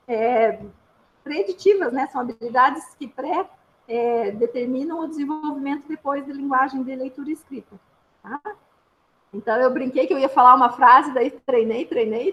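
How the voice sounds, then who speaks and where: A woman's voice: high voice, a bit bright, dull audio, slight background noise. A woman speech therapist with a Brazilian accent, giving an informal, patient explanatory talk with frequent little tag questions. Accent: Brazilian Portuguese.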